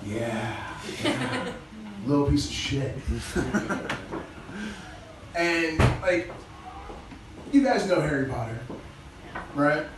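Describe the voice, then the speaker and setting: Male stand-up comic, crude and loose, laughs at his own bits. Low-quality stream audio, distant and noisy. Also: sing-song, very slow, long pauses. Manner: casual, crude, chuckles at his own jokes. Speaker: stand-up comedian. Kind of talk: stand-up comedy set. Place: small comedy club stage. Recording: echoey low-quality stream from far off with noise.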